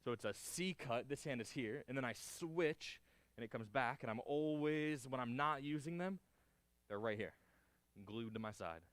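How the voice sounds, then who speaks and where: Male martial arts instructor, mid-pitched voice, dry close sound. Clipped counts and cues, encouraging corrections, hands-on class delivery. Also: moderate pace, a bit bright, no echo. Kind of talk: hands-on karate class instruction, demonstrating moves aloud.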